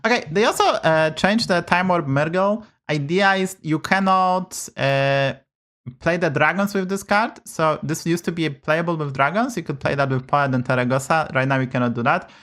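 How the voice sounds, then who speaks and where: Streaming a game from home, a native Polish speaker with a Polish accent offers blunt, casual commentary packed with swearing and rants about bugs. His voice sits a little high with a fairly bright tone, and his pace is moderate.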